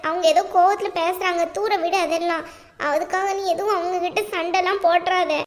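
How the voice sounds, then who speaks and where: A woman's voice: extremely high pitch, level tone, a little fast. A pleading young woman, voiced by a woman in a cartoon. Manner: pleading, soothing. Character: worried caring young woman, peacemaker. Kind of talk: cartoon voice acting.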